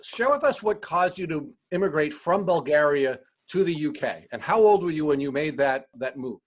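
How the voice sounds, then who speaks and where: A man's voice: a little high, animated, normal speed. A man hosting a podcast, reading a formal guest introduction and then asking interview questions. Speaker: podcast host.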